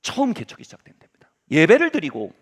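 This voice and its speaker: Dramatic Korean pastor preaching a sermon. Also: male voice, wildly swooping pitch, quick pace, slightly rough. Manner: dramatic, swings between loud exclamations and hushed low asides. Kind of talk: Sunday sermon with storytelling.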